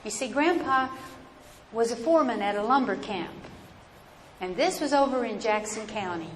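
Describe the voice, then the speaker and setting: A woman with an Appalachian accent telling a family story aloud in a folksy, dramatic, deliberate way. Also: fairly high pitch, expressive. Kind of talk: oral family storytelling, live performance. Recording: echoey hall with noticeable background noise.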